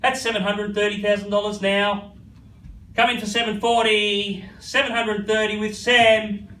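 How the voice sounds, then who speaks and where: An Australian real estate auctioneer with a high, bright, forceful voice calls a live property auction at normal speed, keeping his pitch fairly level. His patter is repetitive, and he addresses bidders by their first names. The recording is echoey and slightly distant, with faint noise in the background.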